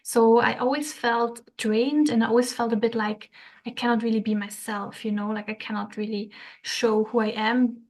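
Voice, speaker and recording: A young woman, a podcast guest telling her story in a soft, hesitant way with frequent fillers and light laughs. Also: a little high, fairly even intonation, moderate pace. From Switzerland. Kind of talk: casual interview chat.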